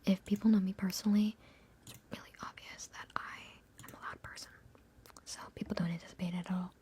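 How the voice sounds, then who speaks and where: Young female ASMR streamer, whispered Q&A chat, mid-pitched, giggly, self-mocking. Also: steady tone, a little fast, mellow. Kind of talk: whispered live Q&A ramble.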